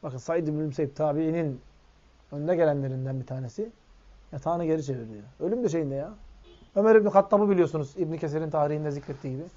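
A man gives a sermon in a somewhat high voice. He recites Arabic quotes, explains them line by line, and calls his listeners friends. The recording sounds dull and lo-fi. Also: quick pace, dark tone. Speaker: Islamic preacher.

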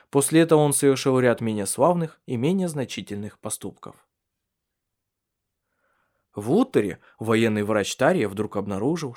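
Expressive male audiobook narrator. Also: mid-range voice. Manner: measured storytelling. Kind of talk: scripted literary narration.

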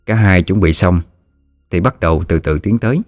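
A man narrating a ghost story in a steady storytelling manner. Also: low-pitched, moderate pace, no room sound, clean studio sound. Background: soft music.

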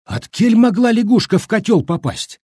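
Brief: grim male brigade leader, menacing drawl, husky storybook voice, put on by a narrator. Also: mid-range voice, sing-song, mellow, no echo, studio quality. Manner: menacing, slow and growling.

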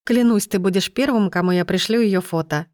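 A woman's voice: mid-range voice, brisk, darkish tone, no echo, studio quality, close to an everyday voice. A woman reading the lines of an earnest, pregnant young woman in an audiobook. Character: pregnant young woman, worried but resolute.

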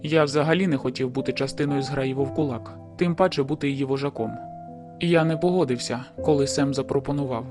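A man voicing a young male werewolf in an audiobook, speaking in a low-key, reluctant, matter-of-fact way. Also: fairly quick, over music, natural voice. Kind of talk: audiobook character voice.

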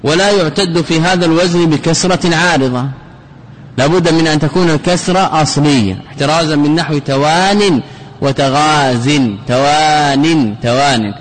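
A man's voice: fairly high pitch, moderate pace, slight background noise, poor audio. A man teaching a classical grammar lesson, asking questions and answering them himself and repeating key words.

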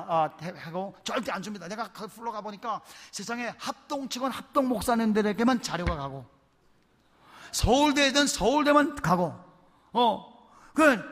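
A man, a pastor, telling stories in a lively, chatty sermon in a church. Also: high voice. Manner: animated, chatty, laughs while telling. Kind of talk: sermon storytelling. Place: church sanctuary. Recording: long church hall reverb.

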